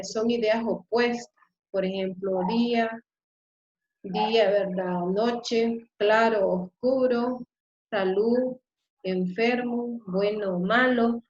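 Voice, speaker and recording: Woman teacher, slow patient lecture, roomy echo, dull lo-fi sound. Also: medium pitch. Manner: slow and explanatory, with frequent rhetorical "¿verdad?". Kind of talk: classroom lecture.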